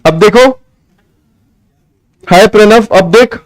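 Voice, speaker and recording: A man teaching a live online law class, talking loudly, mixing Hindi with legal lines and firing quick questions that he answers himself. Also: sits high, poor audio. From India. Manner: loud, quizzes students and answers himself; mixes Hindi with read-out English lines.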